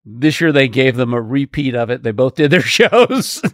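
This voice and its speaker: Guy co-hosting a podcast, swoopy animated voice, laughs a lot, dry close sound. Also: mid-range voice, normal speed, no echo. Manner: animated storyteller who laughs often. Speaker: podcast co-host and performer. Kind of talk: casual chat.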